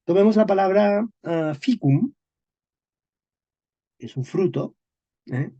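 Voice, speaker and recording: Slow-talking guy lecturing a class, keeps tossing in little "ok?" checks, dark husky voice, kinda muffled recording. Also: high-pitched, lively intonation. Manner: slow and deliberate, checks in constantly with "¿ok?" and "¿eh?"; repeats and spells out key words. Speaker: teacher of Spanish historical phonology.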